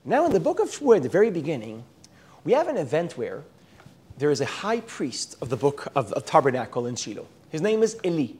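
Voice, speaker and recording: A man's voice: a little high, huge pitch swings, a little fast, darkish tone, breathy edge. An Israeli man with an American-sounding accent, lecturing on a Bible book, often restarting words and mixing in Hebrew terms. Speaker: Bible teacher.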